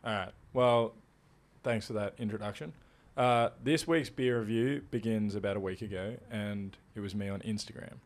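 A young Australian man telling a tall tale on a casual podcast. He talks in an animated, chatty way and swears freely. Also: on the low side, moderate pace. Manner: animated, swears a lot, laughs through his stories. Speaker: podcast co-host. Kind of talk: casual storytelling.

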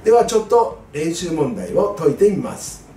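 A man tutoring exam students in English grammar, patient and clear, stressing key words with a rise in pitch. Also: big pitch swings, normal speed, mellow, far from the mic, a little hiss or hum. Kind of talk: lesson explaining grammar. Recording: echoey room, voice away from mic, faint music.

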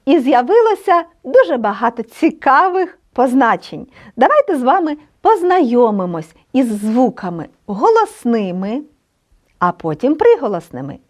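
A woman teaching a language lesson online, explaining patiently and sounding out letters and words clearly. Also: high voice, sing-song, normal speed, darkish tone.

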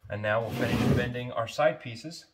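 Loud metal clanking and clicks surround a man demonstrating HVAC sheet metal work in a spacious indoor warehouse workshop. He gives an improvised practical how-to in short bursts while working. His voice is mid-range and his pace moderate.

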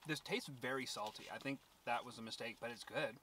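A man's voice: mid-range voice, fairly quick, bright, forceful tone, far from the mic. A young man in casual chat, talking while chewing his food. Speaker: co-host. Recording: set back from the mic, faint background noise.

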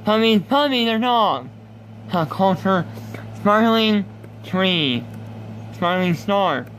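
A man's voice: sits high, expressive, takes it slowly, a bit bright, a little hiss or hum, low-quality recording. A man in his twenties, a YouTuber, rambling as he reads game questions aloud and answers them offhandedly. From United States. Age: 20s. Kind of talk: casual gaming commentary.

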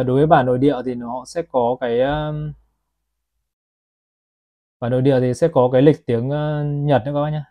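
A Vietnamese watch seller films a product review on his phone, chatting to viewers and repeatedly calling them "các bác." His voice is medium-pitched with a dark tone.

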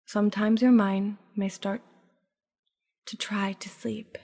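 A calm woman with a medium-pitched voice leads a sleep meditation in a sleep-story manner. She speaks quietly and without hurry, her phrases fading into breath, and her voice rings out with a long reverb.

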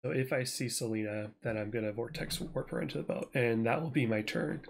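A player at a tabletop game who talks through the next move at length. They lay out their plans in an animated way, step by step. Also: mid-range voice, fairly quick, creaky, a little hiss or hum. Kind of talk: tabletop game play, casual.

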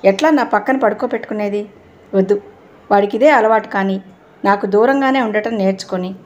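A woman's voice: medium pitch, fairly quick, a little mellow, natural voice. A woman voicing a drunk, grieving father who reproaches himself. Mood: sorrowful. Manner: sorrowful self-reproach.

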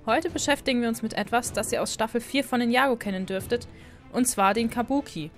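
Faint music backs this voice-over, in which a woman hosts a scripted explainer at a fairly quick pace. Her voice is on the high side, and she comes across as friendly while apologizing about pronunciation.

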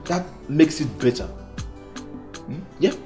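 An actor with a Nigerian accent playing a calm male friend who soothes and coaxes. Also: a little high, takes it slowly, faint music behind. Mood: soothing. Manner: soothing, coaxing. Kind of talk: film comedy acting.

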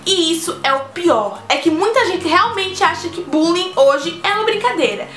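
A woman's voice: very high-pitched, animated, normal speed, fairly bright tone. An eighteen-year-old woman, telling a personal story in a chatty vlog and speaking straight to her viewers. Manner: chatty, addresses viewers directly, earnest. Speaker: vlogger. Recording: roomy echo with faint music.

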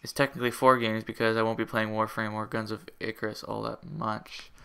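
A young man talks through a casual update on his gaming channel from home. His voice is bright and crisp, and he rambles with frequent fillers, self-corrections and half-finished sentences. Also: lowish voice, little pitch movement, fairly quick. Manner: rambling, hesitant, many fillers and restarts.

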